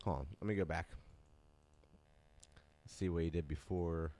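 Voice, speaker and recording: A man's voice: low voice, unhurried, mellow, no room sound. A man in casual podcast chat about movies, easygoing and hesitant, with frequent ums.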